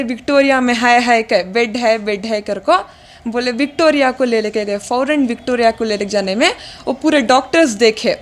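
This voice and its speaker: A young woman telling an interviewer what happened, in a halting way with many fillers and English words mixed in. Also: a little high. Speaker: interviewee, daughter of the deceased. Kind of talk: recounting events in an interview.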